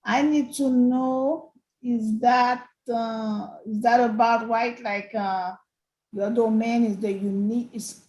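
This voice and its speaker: Woman, hesitant, many fillers, slow, asking questions in an online meeting, roomy echo. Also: a little high, steady tone, darkish tone.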